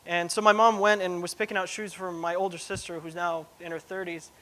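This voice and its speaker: A young man who grew up in Russia gives a church sermon. His voice sits high and rings bright. He talks casually, slipping in jokes and fillers as he teaches. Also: little pitch movement, a little fast. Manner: casual, joking asides with fillers. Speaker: preacher.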